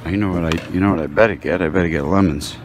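Speaking quickly in a low-pitched voice, a man vlogs a casual tour of a restaurant buffet using a handheld phone. He keeps up a chatty running commentary, muttering to himself as he fills his plate.

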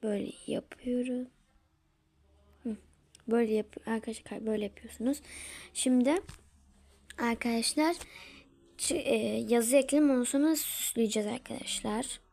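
A woman's voice: fairly high pitch, steady tone, normal speed, pauses often, a little mellow. A woman at home walking viewers through a casual tutorial, chatting to them as friends and often dropping into a whisper while she works. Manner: chatty, keeps calling out to her friends; drops to a whisper while working. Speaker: tutorial maker.

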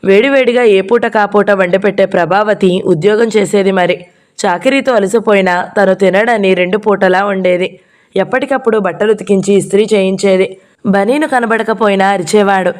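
A woman narrating a short story in a steady, measured storytelling manner. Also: medium pitch. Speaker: audiobook narrator.

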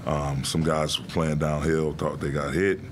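A middle-aged man coaching basketball, answering press questions in a measured, deliberate way with many fillers, into a desk mic in a press room. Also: very deep voice, flat delivery, background noise. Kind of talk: postgame press conference answers. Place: press room before a logo backdrop. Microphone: desk mic on a stand.

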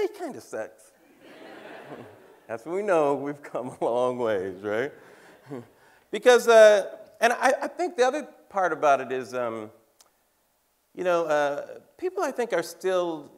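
A man in his fifties doing a wry, conversational comic talk on a theater stage, teasing the audience and laughing at his own jokes. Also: a little high. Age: 50s. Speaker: comedian and cultural commentator. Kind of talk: stand-up style talk on stage. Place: large theater stage before a live audience.

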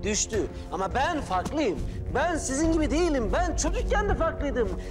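An actor playing an eccentric, grandiose man in a TV comedy who lectures and then slips into made-up gibberish. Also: extremely high pitch. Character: eccentric rambling man babbling nonsense talk. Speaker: strange tea-house man called troll. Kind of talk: TV comedy acting.

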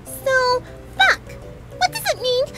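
A woman's voice: very high voice, expressive, takes it slowly, over loud music, heavily acted, rough recording. A woman voicing a hyper, chatty young female pony baker in a fanfic reading, bubbly and rambling.

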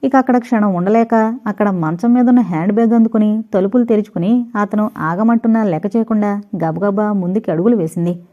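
A woman reads an audio novel aloud in an even storytelling manner. Her voice is warm and mellow, and the recording is somewhat dull and lo-fi. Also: medium pitch, brisk. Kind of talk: scripted narration.

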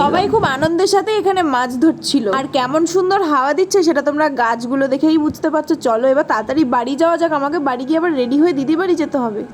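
A woman's voice: high-pitched, darkish tone, a little hiss or hum. A young woman chatting casually to her viewers in a vlog. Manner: chatty, addresses viewers directly. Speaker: vlogger.

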